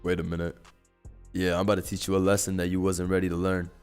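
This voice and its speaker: A young man streaming live gameplay commentary, excitable and profane, full of slang, swinging from low mumbles to loud yelling. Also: fast, clear, resonant tone, faint music behind. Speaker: gaming streamer.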